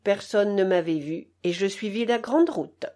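A woman narrating an audiobook in a measured, expressive reading style. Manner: slow and measured, with expressive pitch. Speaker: audiobook reader.

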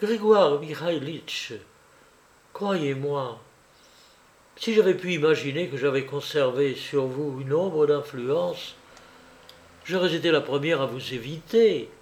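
A man's voice: fairly high pitch, takes it slowly, darkish tone. A male reader voicing an agitated young society woman who pleads and reproaches urgently, in a spoken novel reading. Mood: pleading.

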